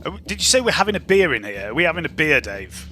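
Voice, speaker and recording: A man's voice: on the high side, sing-song, quick pace, sharp tone, soft background music. A man playing a tabletop game, chatting casually and sweary as he describes what he does. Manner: sweary, describes actions in first person. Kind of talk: casual gaming chat.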